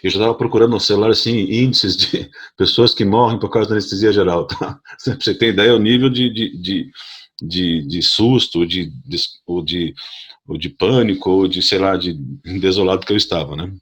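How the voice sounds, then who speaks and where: A man with a southern Brazilian accent telling a personal story to a parish audience in a conversational, halting way. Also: sits low, a bit bright, slightly rough. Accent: southern Brazilian Portuguese. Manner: conversational, halting restarts, addresses audience directly. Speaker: lay speaker at a parish gathering.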